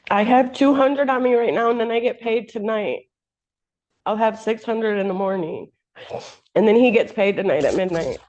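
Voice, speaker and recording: A woman's voice: fairly high pitch, moderate pace, a little mellow. A woman making an unscripted, informal plea in court, insistent and colloquial. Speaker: defendant's partner pleading in court. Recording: dull, muffled lo-fi courtroom audio.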